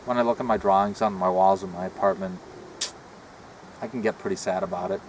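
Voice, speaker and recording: A middle-aged man chatting casually and reflectively in a halting way, talking out of the side of his mouth. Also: deep voice, steady tone, slight background noise, low-quality recording. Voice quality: talks out of one side of the mouth. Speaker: retired comic book artist showing a car. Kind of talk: casual rambling chat. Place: outdoors beside a parked car.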